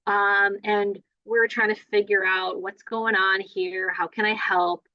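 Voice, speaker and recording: A woman with a medium-pitched, fairly flat, slow voice leads a play therapy training in a conversational lecture style. She uses lots of fillers, often adding "right?" and "you know". The recording is lo-fi with no room sound.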